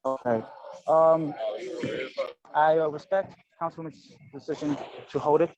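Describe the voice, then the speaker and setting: A council member speaking haltingly over a glitchy, breaking-up remote call, with many fillers. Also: male voice, fairly high pitch, flat delivery, a crowd in the background. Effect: glitchy breaking-up call audio. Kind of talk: remote meeting remarks. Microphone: phone on a video call. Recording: dull lo-fi video call line.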